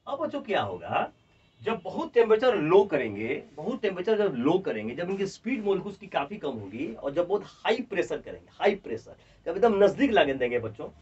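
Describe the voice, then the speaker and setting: Animated Bihari teacher, distant lo-fi sound. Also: male voice, sits high, brisk, breathy edge. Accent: Bihari Hindi. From India. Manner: repeats points and keeps calling the students children; emphatic, animated explaining, dictating notes word by word. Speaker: chemistry teacher. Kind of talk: classroom chemistry lecture. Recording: distant, dull lo-fi classroom audio.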